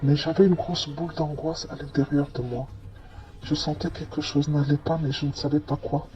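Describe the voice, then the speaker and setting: A man's voice: fairly high pitch, little pitch movement, normal speed, warm tone, lo-fi sound. A man telling a first-person story in a hesitant way, with many fillers and restarts. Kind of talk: first-person testimony narration.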